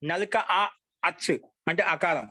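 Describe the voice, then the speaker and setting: High-voiced male teacher, slow dictation, quick plain explanations. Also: sharp tone, slightly rough. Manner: repeats rules slowly for dictation, then explains quickly. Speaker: Sanskrit grammar teacher. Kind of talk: classroom lesson with slow dictation.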